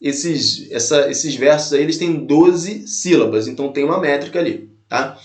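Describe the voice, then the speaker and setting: Man, high voice, exam-prep teacher, repeats himself, echoey room. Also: moderate pace, darkish tone. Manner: explains step by step, repeats points, checks in with "tá?". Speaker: Portuguese teacher.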